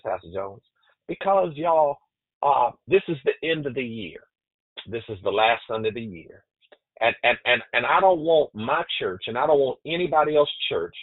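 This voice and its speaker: A man's voice: mid-range voice, breathy edge, no room sound. Man preaching a sermon over a tinny line. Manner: preaching with stammered repetitions and call-outs to the congregation. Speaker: pastor. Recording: tinny phone-like sound.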